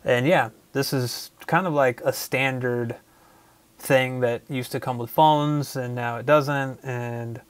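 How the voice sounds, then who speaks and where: A man talks in an offhand, conversational way as he runs a mic test. His voice is medium-pitched and comes through an earbud or headset microphone, unprocessed and dry, with very little room sound. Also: clear, resonant tone, no echo. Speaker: tech reviewer. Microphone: wireless and wired earbud or headset mics, unprocessed.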